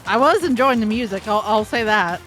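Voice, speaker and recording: A woman on voice chat from home, teasing with quick quips and giggling. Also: medium pitch, expressive, fairly bright tone, soft background music. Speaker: guest on voice chat. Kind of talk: casual voice-chat banter.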